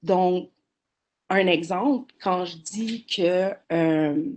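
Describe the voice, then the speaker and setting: A woman's voice: fairly low pitch, extremely slow, a little mellow. Earnest Québécoise woman in her forties. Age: 40s. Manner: earnest, explanatory, many hesitations. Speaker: panelist. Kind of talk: webinar panel discussion.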